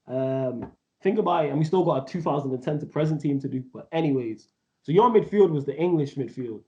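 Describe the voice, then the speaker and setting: Expressive and brisk, this thirties co-host has a warm voice pitched a little high. He argues about football in a casual, rambling, emphatic way, full of slang, on a podcast. Echo and a dull quality mark the audio.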